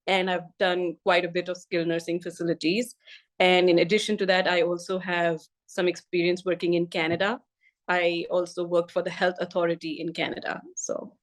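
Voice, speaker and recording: Low, flat-voiced woman with Indian accent. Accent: Indian English. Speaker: physical therapist guest. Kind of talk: podcast interview.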